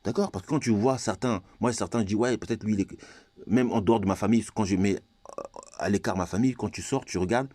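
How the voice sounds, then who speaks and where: A man's voice: lowish voice, fast talker, mellow, no room sound. A man from Congo ranting in a vlog monologue, confrontational and repetitive, firing rhetorical questions. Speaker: vlogger.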